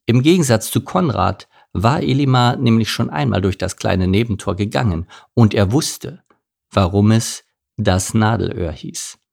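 A man reading a children's storybook aloud with a lively, expressive delivery. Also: on the low side, creaky. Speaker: narrator.

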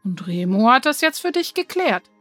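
A woman's voice: a little high, big pitch swings, normal speed, a bit bright, no room sound, clean studio sound, faint music behind. Woman voicing Lulu, an eager curious girl. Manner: eager, outspoken. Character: lively curious young girl.

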